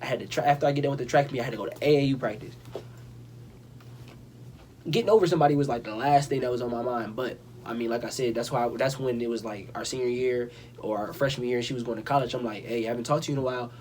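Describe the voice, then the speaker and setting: A young man chatting casually, telling stories with lively acted-out quotes. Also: mid-range voice, fast, a little hiss or hum. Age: young adult. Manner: animated storyteller, acts out quoted voices. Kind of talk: casual storytelling chat.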